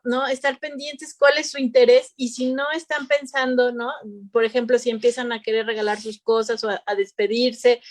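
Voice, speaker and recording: Woman psychologist in relaxed chat. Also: sits high, no room sound. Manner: conversational, frequent tag questions and restarts. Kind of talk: casual panel chat.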